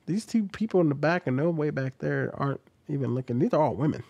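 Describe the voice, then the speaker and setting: A man's voice: fairly high pitch, lively intonation, quick pace, gravelly, a little mellow, dry recording, dull audio. A man in his thirties giving blunt, casual reaction commentary from his home room into a close studio microphone, talking loosely with lots of fillers. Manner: blunt, conversational, many fillers. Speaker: commentary vlogger. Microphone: studio XLR mic on boom, close.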